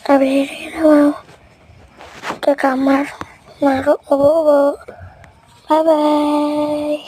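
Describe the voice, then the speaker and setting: A woman with a hoarse voice from a cough, casually narrating a vlog. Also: sits high, flat delivery, slow, mellow, slight background noise. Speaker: vlogger.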